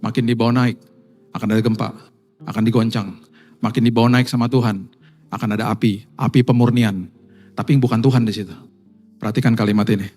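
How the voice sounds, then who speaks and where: A male pastor with an Indonesian accent preaching a sermon to his congregation, swinging between hushed, intimate passages and loud, emphatic ones. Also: fairly low pitch, steady tone, quick pace, long pauses, faint music behind. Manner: addresses congregation as Bapak Ibu.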